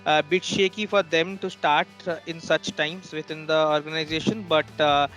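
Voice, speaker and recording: A man from India talking about his work in a casual team meeting, with many pauses and fillers. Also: fairly high pitch, steady tone, a bit bright, soft background music. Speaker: team member.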